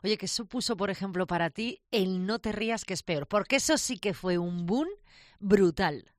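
A woman's voice: medium pitch, moderate pace, no echo, studio quality. Woman radio host interviewing a guest. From Aragón. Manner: repeats words while searching for phrasing.

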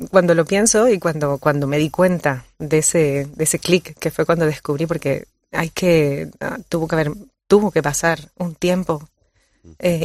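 Brief: Colombia-born woman guest cook, low gravelly voice, dry close studio sound, halting delivery. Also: a little mellow, dry recording. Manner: hesitant, searching for words. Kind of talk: radio interview. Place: radio studio.

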